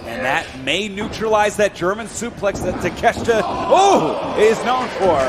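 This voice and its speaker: A man's voice: sits high, very animated, measured pace. A man working as a wrestling commentator, calling live play-by-play in short, clipped calls. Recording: loud crowd and arena noise. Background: crowd and ring noise.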